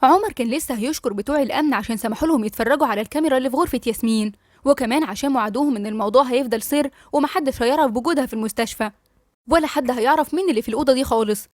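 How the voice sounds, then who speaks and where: Brief: egyptian woman narrator, high voice, very fast, dry close mic. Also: dry recording. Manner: brisk, friendly. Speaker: storyteller. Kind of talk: reading a novel aloud.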